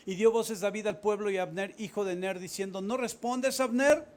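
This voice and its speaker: A man, a pastor, giving a sermon with animated storytelling and casual asides to the congregation. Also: high-pitched, brisk.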